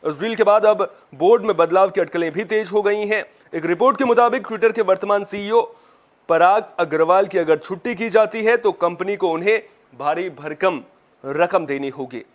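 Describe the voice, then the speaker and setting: At a moderate pace, a male news anchor reads his script in a high-pitched voice. The delivery is formal and presentational, like a TV bulletin.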